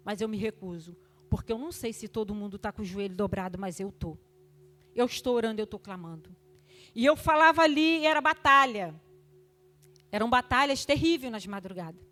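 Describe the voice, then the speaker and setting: An older woman giving an emotional testimony at a church service, fervent, moving between loud exhortation and hushed tones. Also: on the high side.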